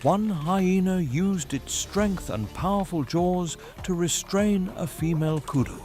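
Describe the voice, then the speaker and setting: A man reads scripted nature documentary narration in a measured, formal storytelling manner. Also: high voice. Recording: music behind the voice. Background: background music.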